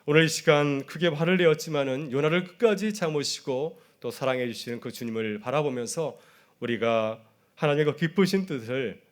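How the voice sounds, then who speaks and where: A man delivers a Sunday sermon as a pastor, speaking in an ordinary mid-range voice. He tells stories and asks his listeners questions directly, sometimes acting out the voices of the people he quotes. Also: medium pitch. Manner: storytelling preacher who acts out quoted voices.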